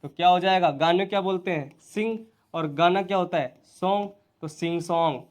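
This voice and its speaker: Male teacher, Hindi accent, high-ish voice, drills students with repeated questions. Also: normal speed. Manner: repeats questions to students and answers them himself. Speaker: English teacher. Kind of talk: spoken English lesson in Hindi.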